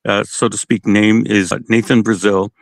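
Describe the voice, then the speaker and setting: A man joining a casual online chat, slow and hesitant, too loud on his mic. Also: fairly low pitch, level tone, no echo. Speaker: guest. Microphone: loud desk mic.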